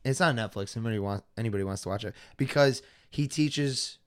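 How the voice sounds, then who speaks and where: A man's voice: medium pitch, a little fast, smooth. A man hosting a podcast, chatting in a rambling, enthusiastic way. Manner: enthusiastic, rambling, many fillers. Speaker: podcast host. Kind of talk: casual chat.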